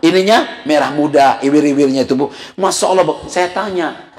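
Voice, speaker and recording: Funny preacher guy, high voice, acts out the stories, echoey mosque hall. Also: brisk. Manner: comic, acts out quoted voices, addresses the women in the audience. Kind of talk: humorous sermon storytelling.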